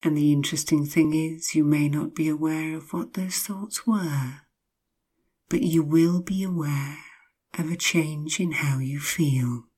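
A woman narrating a guided sleep hypnosis like a sleep story, hushed and soothing, often slipping into whispers, with drawn-out, repeated phrases. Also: sits low, fairly even intonation, breathy edge. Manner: drawn-out, repetitive phrasing with long pauses.

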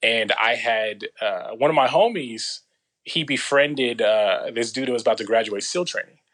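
A man, telling his life story as a podcast guest in a relaxed, slangy way. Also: mid-range voice, normal speed. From Los Angeles. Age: 30s. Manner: laid-back storytelling, slangy, many fillers. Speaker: guest, former soldier. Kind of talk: casual interview.

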